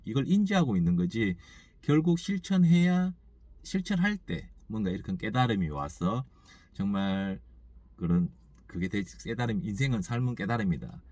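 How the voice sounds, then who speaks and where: A man who runs a store, talking through a reflective morning monologue, halting and thinking aloud with many restarts, growing emphatic when he makes his point. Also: on the low side, a little mellow, no room sound. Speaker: store owner.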